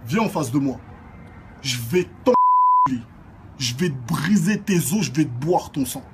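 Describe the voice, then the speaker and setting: A man's voice: fairly high pitch, animated, measured pace, very noisy. A man in a video clip delivering an aggressive threatening rant.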